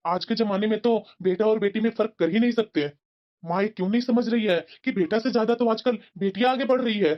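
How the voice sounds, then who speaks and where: A woman's voice: medium pitch, brisk, dull audio, natural voice. A woman voicing a caring young husband and son in a cartoon, who argues back in an earnest, reasoning tone. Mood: arguing.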